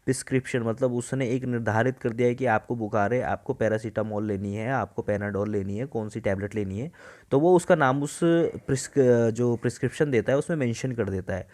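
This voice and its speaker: In an exam-prep vocabulary lesson, a man with an Indian accent and a medium-pitched, slightly mellow voice teaches words from a newspaper editorial. He reads English phrases slowly word by word, spells terms letter by letter and explains them in Hindi.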